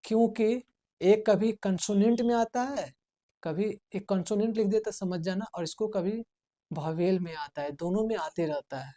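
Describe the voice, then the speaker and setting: A man's voice: sits high, a little slow, mellow. Man teaching, quizzing and repeating. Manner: asks the class questions and answers them himself, repeating key words; urges students to write things down. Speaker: spoken English teacher. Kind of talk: classroom lesson in Hindi.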